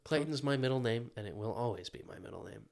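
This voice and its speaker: A man's voice: mid-range voice, expressive, fast, creaky. Young man, podcast co-host, casual banter, jokey, trails off.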